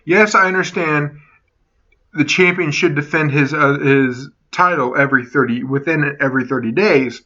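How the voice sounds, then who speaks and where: A man's voice: on the high side, moderate pace, sharp tone, highs cut off. A man talking in a casual opinion vlog, rambling, swearing freely and correcting himself as he goes. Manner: rambling, profane, self-correcting. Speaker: wrestling and gaming vlogger.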